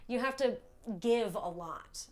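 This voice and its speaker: A woman's voice: on the high side, slow pace. A woman, a comedian and writer, talking as a podcast guest in a chatty way, with frequent filler words. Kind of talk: casual podcast conversation.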